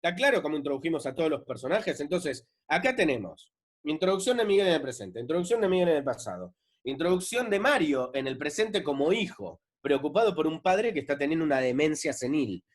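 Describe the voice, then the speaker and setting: A man with an Argentine accent, a film director giving a masterclass in a relaxed, conversational way with frequent fillers. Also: a little high, brisk. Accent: Argentine Spanish. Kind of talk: explanatory lecture.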